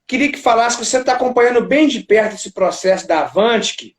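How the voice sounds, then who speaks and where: A man's voice: very high voice, lively intonation, brisk, roomy sound. A man hosting a live interview, courteous and effusive, thanking his guest. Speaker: interview host.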